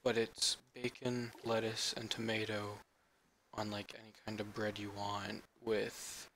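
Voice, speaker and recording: Slow-talking chatty teen boy gamer. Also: fairly low pitch, monotone, fairly bright tone. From Canada. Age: teens. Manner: rambling, chatty, tired and yawning. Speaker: gaming channel host. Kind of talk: casual let's play commentary. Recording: home mic with clear background noise.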